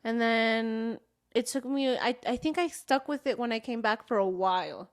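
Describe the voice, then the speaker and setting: Young woman, slightly high pitch, rambling casual chat, pregnant, podcast co-host. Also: normal speed. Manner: chatty, rambling, laughs often.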